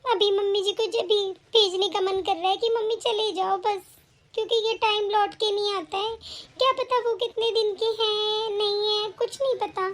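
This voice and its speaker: A woman voicing a young new mother in an animated family story, polite, earnest and respectful. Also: very high-pitched, moderate pace. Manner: earnest, respectful, talks at length.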